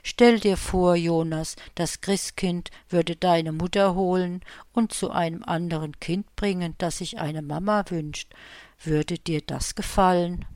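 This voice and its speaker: A woman voicing a kindly, patient old Saint Nicholas in a storybook reading, speaking softly and reassuringly. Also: on the low side, fairly even intonation, a little slow, no echo, clean studio sound, close to an everyday voice. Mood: gently explaining. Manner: soft, reassuring, fatherly.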